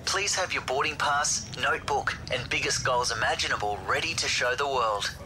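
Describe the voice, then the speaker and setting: A man reading a scripted airline-style boarding announcement in a formal, measured announcer's manner. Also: medium pitch, background noise. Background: music.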